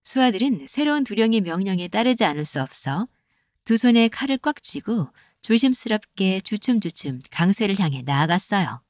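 A woman narrating a comic folktale animation in a gentle storytelling cadence. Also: medium pitch, big pitch swings, normal speed, no echo, clean studio sound.

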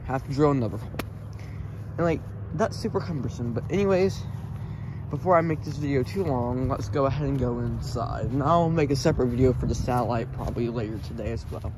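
A young man in the middle vocal range talks a little quickly as he walks through a house, holding his phone and giving a loose, wandering tour in a casual vlog style. The handheld phone audio is noisy and picks up clicks.

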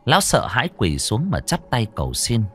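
A man's voice: mid-range voice, wildly swooping pitch, fairly quick, a bit bright, breathy edge, faint music behind. A man narrating a ghost story in a vivid, dramatic way.

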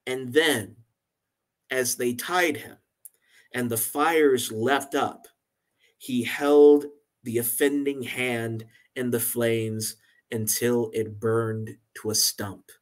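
A man teaching church history, reading quoted accounts aloud slowly and deliberately. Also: mid-range voice, steady tone.

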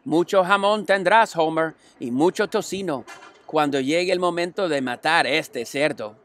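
A man's voice: a little high, a little slow, fairly bright tone. A man reading a storybook aloud, voicing a plain-spoken middle-aged farmer in a matter-of-fact tone. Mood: appraising.

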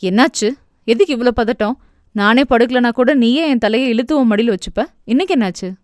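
A woman's voice: a little fast, no room sound, clean studio sound, close to an everyday voice. A woman doing a tender young husband. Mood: gentle. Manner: soft, low and soothing. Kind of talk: audio novel character voice.

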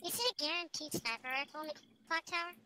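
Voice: high-pitched, quick pace, heavy background noise. A woman streamer chatting casually while gaming, her voice run through a voice changer filter.

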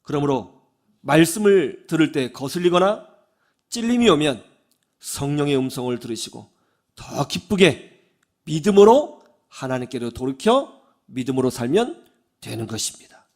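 A male pastor preaching a sermon in an animated way, often putting questions to the congregation. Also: a little high, moderate pace, pauses often.

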